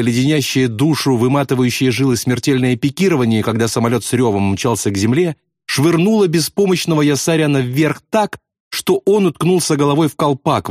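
A man narrating a novel in a steady, vivid literary reading. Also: medium pitch, no room sound, studio quality. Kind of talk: audiobook narration.

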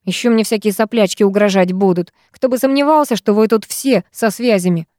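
Audiobook bit: a woman doing a rude, jumpy young man at the wheel, warm timbre. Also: mid-range voice, brisk, no room sound, clean studio sound, close to an everyday voice. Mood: defensive. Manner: snapping, defensive, boorish. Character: rude, nervous young man, a hurried driver.

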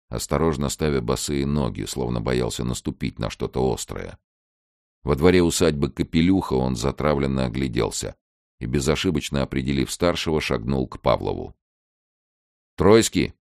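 Very deep, gravelly male narrator. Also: moderate pace, no echo, studio quality. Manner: lively, rises sharply for shouted dialogue. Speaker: audiobook narrator. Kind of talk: dramatic reading of a novel, voicing all characters.

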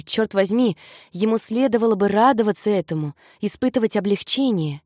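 A woman reading a fantasy novel aloud as an audiobook narrator, in measured, even storytelling. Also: medium pitch, no room sound, studio quality. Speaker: audiobook reader. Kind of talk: scripted narration.

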